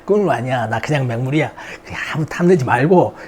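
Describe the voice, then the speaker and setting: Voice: mid-range voice, lively intonation, quick pace, a little mellow, husky. An English grammar teacher, drilling vocabulary in a recorded lesson and chatting to the students between words.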